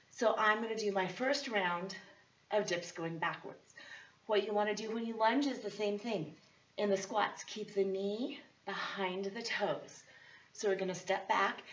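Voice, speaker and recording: A woman leading instructional workout talk as a fitness coach, chatty and encouraging, with a hoarse voice that is partly lost. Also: mid-range voice, recorded from a distance. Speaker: fitness instructor and program host. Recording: dull, lo-fi sound.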